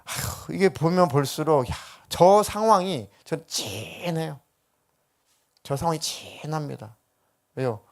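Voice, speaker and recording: Male pastor, middle-aged, slightly high voice, heartfelt sermon delivery. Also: slow, gravelly. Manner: emotive preaching, acting out gentle quoted words.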